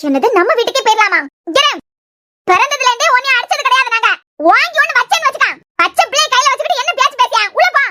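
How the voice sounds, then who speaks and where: A voice actor doing a loud, scolding cartoon mother. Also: very high-pitched, animated, rapid-fire, noisy background. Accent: Kanyakumari Tamil. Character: scolding older mother, protective of the family. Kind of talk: cartoon serial dialogue.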